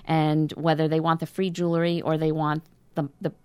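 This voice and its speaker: A woman with a New York accent talks as an interview guest in a loose, chatty way and laughs at herself. Her voice sits a little low. The recording is dry and close. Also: flat delivery, normal speed, clean tone, no room sound. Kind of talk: casual interview chat.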